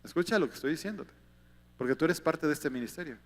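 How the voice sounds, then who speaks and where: A man's voice: fairly high pitch, lively intonation, fast, big-room sound. A man with a Mexican accent preaching a sermon as a pastor, talking conversationally and often asking his listeners rhetorical questions.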